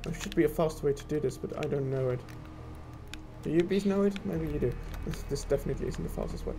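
A man's voice: fairly high pitch, fast, creaky, over music. A man giving let's play commentary, frustrated and swearing as he talks to himself and his viewers. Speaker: gameplay commentator.

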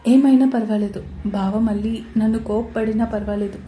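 A woman voicing an anxious but determined young woman in a romance story, talking in a hurried way. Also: on the high side, fairly even intonation, mellow, slight background noise, natural voice. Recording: roomy echoey recording.

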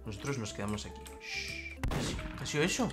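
Excitable Spanish gamer woman, lively pitch. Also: quick pace, over loud music. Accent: Spain Spanish. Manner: excitable, bursts into loud shrieks between muttered asides. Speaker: gaming YouTuber. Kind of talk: live gameplay commentary.

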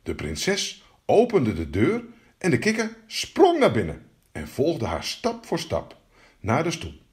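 Lively male fairy-tale storyteller. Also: on the high side, slow pace. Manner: expressive, animated storytelling.

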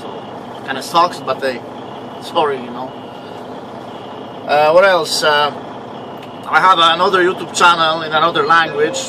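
Man with a foreign accent, thirties, swearing trucker vlog, slightly high voice, noisy truck cab. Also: steady tone, a little slow, pauses often. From Canada. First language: not English. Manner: swearing, rambling, self-mocking. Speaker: truck driver vlogger. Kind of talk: casual vlog diary. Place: inside a truck cab at night.

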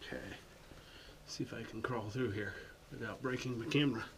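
A man's voice: medium pitch, fairly quick, creaky, noisy background. A man exploring a lava tube cave and filming himself, muttering casual asides as he goes. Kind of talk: casual vlog narration.

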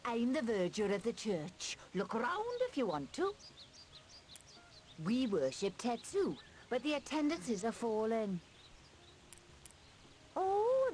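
A woman's voice: a little high, very animated, takes it slowly, long pauses, a little mellow, a little hiss or hum. A woman voicing a cheerful, devout village church verger in a video game.

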